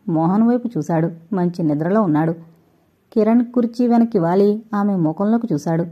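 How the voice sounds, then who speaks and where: A woman narrating an audio novel in a steady, expressive reading style, on a dull lo-fi recording. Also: mid-range voice, fairly quick, breathy edge. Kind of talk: scripted story narration.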